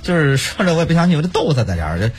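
With faint music behind him, a co-host hailing from Pingdingshan in Henan rattles off stories in a slightly high voice at a rapid-fire pace. He's an animated teller in casual chat, laughing often as he acts out phone calls.

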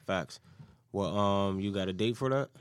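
A man's voice: fairly low pitch, normal speed. A man hosting a casual interview in a laid-back, slangy way. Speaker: interviewer, host. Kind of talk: casual chat.

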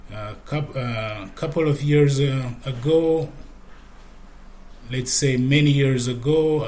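Slow-talking man with an Ivorian accent. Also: mid-range voice, slight background noise. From Abidjan, Côte d'Ivoire. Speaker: caller leaving a voicemail. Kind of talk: personal introduction and testimony.

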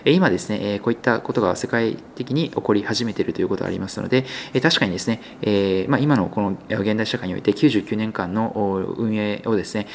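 A man's voice: lowish voice, fast talker, hardly any pauses, a little hiss or hum. A male business news host talking through market figures in a conversational, unscripted way, with many filler sounds and hesitations. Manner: conversational, polite sign-off.

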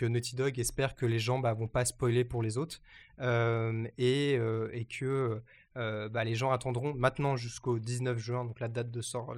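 A man hosting a casual news chat, often pausing and restarting his sentences. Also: mid-range voice. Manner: hesitant, many fillers and restarts.

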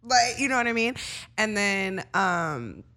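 A woman's voice: medium pitch, sing-song, unhurried, sharp tone. A woman guest on a podcast, telling a candid personal story in casual chat, full of "like" and the odd curse word. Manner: candid storytelling, lots of filler "like", casual profanity.

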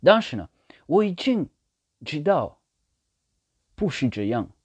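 A man speaking non-native Mandarin with a foreign accent, talking casually and haltingly as he searches for words and repeats phrases for emphasis. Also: a little high, big pitch swings, husky, no room sound. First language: not Mandarin. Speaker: language learner sharing his experience. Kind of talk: casual monologue in a learned language. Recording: dull, slightly lo-fi sound.

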